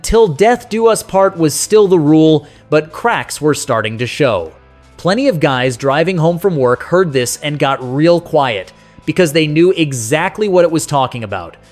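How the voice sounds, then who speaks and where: A man with a slightly high voice hosts a nostalgic music countdown, reading scripted narration in a conversational, sentimental way aimed at the listener.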